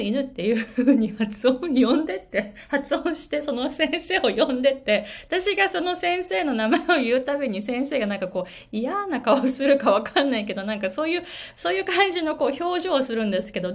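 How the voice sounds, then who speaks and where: Animated Japanese woman coaching pronunciation. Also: a little high. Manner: animated storytelling with many fillers. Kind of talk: casual video lesson.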